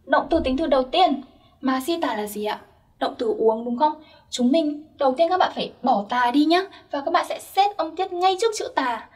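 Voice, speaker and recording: High-voiced young woman teaching grammar. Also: moderate pace, far from the mic. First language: Vietnamese. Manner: patient, checks in with listeners often. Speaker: Korean language teacher. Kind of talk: explaining grammar step by step.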